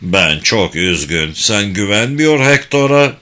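Guy putting on a slow slurry drunk crime boss, low and bright edged. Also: big pitch swings, exaggerated voice. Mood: mocking. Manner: slow, slurred, broken speech.

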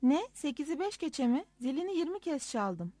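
This is a woman voicing a composed male lawyer from a storybook reading. He speaks coolly and drily, keeping an icy calm under a fairly high pitch. The voice is close and dry, with no room around it. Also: moderate pace, no room sound. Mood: dry teasing.

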